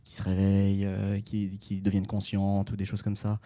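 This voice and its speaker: A man's voice: sits low, completely flat delivery, moderate pace, dark tone, dry recording, clean studio sound. A man co-hosting a casual podcast chat, explaining at length with many hesitations. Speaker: podcast co-host.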